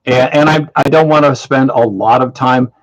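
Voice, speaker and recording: Speaking at normal speed in a medium-pitched voice, a man in his seventies hosts an online question session. His casual monologue to the audience is blunt and dismissive, with frequent repetition, and the audio is muffled and lo-fi.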